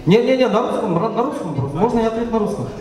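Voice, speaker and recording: A man's voice: high voice, lively intonation, very fast, a little mellow. A man hosting a party as toastmaster, telling jokes and quizzing guests in a playful, teasing way. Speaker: wedding toastmaster. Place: banquet hall. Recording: echoey banquet hall from far off, crowd.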